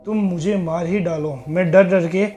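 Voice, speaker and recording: A man's voice: high voice, a little slow, dark tone, faint music behind. A man voicing a terrified young man in a horror story, frantic and pleading.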